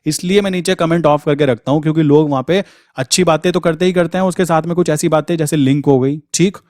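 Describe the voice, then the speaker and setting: A man's voice: a little high, fast, darkish tone, no echo, clean studio sound. A man giving a casual, conversational trading lesson to viewers, often calling them brother. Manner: conversational, addresses viewers as brother, frequent "thik". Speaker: trading educator.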